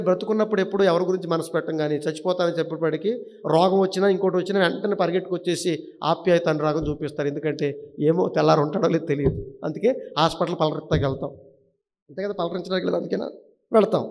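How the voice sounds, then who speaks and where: A man preaching an impassioned sermon, firing rhetorical questions and swinging between loud appeals and low asides. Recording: long reverb of a hall.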